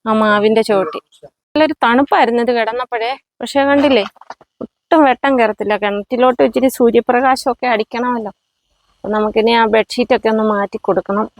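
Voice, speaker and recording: A woman with a slightly raised voice talks casually to her viewers while doing yard work. She chats to them as friends as she pulls plants and clears the ground. The sound is from an outdoor home yard, picked up on a handheld camera. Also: a little high, fairly quick, dry recording, low-quality recording. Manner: chatty, addresses viewers as friends. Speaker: vlogger. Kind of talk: casual chat while gardening.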